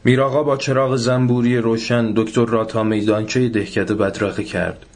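A man narrating a literary short story in a measured, even reading voice. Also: medium pitch.

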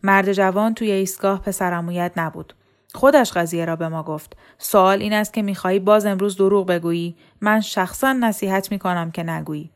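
A woman's voice: mid-range voice, lightly acted. A woman reading a storybook, voicing a courteous but threatening male police interrogator in his thirties. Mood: cool, probing.

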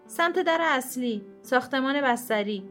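A woman voicing a hurried, irritable male hospital orderly who answers curtly, in a storybook reading. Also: very high voice, a bit bright, soft background music, pitched above the performer's own voice. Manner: curt, brusque.

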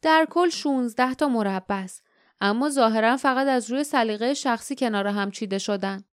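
A woman's voice: a little high, clean tone, close to an everyday voice. A woman reading the lines of a grumbling grown man, a former palace guard, in an audiobook. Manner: mutters, thinks aloud. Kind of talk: audiobook character voice.

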